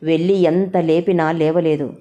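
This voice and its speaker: A woman narrating a village story in a steady, plain way, with a Telangana Telugu accent. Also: deep voice, a little slow, dull audio.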